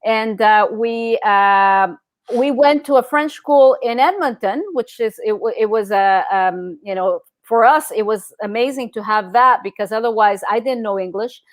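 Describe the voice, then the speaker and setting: A woman's voice: a little high, measured pace, no echo. A middle-aged woman from El Salvador, a guest speaking casually in an interview, with many fillers and restarts.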